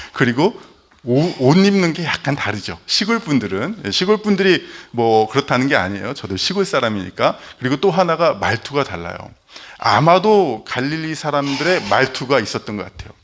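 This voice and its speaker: A pastor from Jeolla preaching a sermon to young people, telling the story with animation and acting out the quotes. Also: male voice, medium pitch, fairly bright tone. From Jeolla, Korea.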